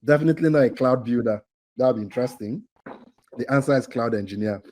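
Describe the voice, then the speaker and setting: A man's voice: mid-range voice, fast, darkish tone, low-quality recording. A man hosting a live online quiz for a training cohort over a video call, teasing the players and laughing often.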